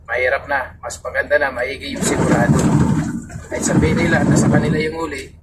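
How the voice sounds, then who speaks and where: A man's voice: medium pitch, level tone, a little fast. A man, a truck driver, casually giving advice to fellow drivers, rambling with many fillers. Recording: distant mic, noisy surroundings.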